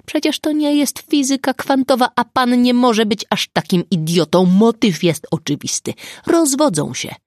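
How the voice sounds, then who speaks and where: A woman voicing an arrogant, irritable male prosecutor who scolds in a loud, raised voice, in an audiobook. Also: on the low side, big pitch swings, a little slow, no room sound, studio quality, exaggerated voice. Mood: angry.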